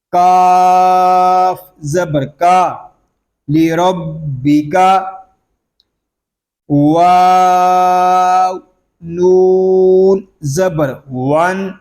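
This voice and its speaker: A fairly high-voiced man teaching Quran recitation, spelling each word letter by letter. He stretches the syllables slowly, then runs quickly through the rules of pronunciation. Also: a little mellow. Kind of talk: slow word-by-word Quran tajweed lesson.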